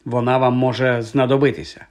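A man's voice: medium pitch, flat delivery, brisk, lightly acted. A man voicing an earnest, incredulous young schoolboy wizard.

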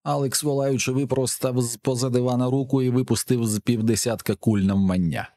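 A medium-pitched audiobook narrator reads an action novel in a steady, measured way, delivering scripted narration.

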